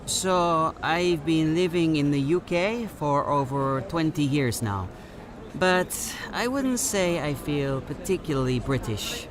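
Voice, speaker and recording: A Brazilian man in his thirties, a native Portuguese speaker, chats thoughtfully as an interviewee in a scripted course-book street interview. His voice is on the high side, expressive and unhurried. Recorded outdoors on a busy street, the clip has clear crowd and traffic noise.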